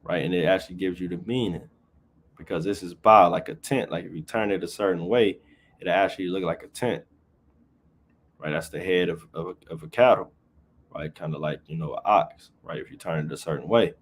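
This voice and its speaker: Deep-voiced and a little fast, a male Bible teacher reads scripture on a livestream and explains it casually. Nearly every phrase he speaks ends with "right?"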